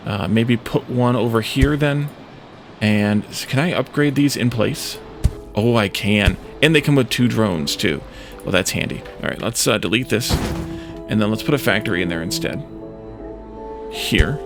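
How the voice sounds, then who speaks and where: This let's play host has a creaky, medium-pitched voice. He mutters his way through game decisions in short, hesitant phrases, thinking out loud as he plays.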